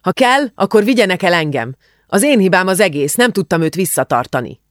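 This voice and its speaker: A man's voice: high-pitched, expressive, no room sound, clean studio sound, pitched above the performer's own voice. A man voicing a defiant young man in an audiobook, speaking in an agitated, protective, pleading way. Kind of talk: audiobook character voice.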